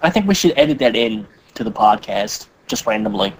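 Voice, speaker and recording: A man's voice: fairly low pitch, animated, brisk, rough recording. A man co-hosting a podcast in casual chat, blunt in his opinions and steering the talk along. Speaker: podcast co-host.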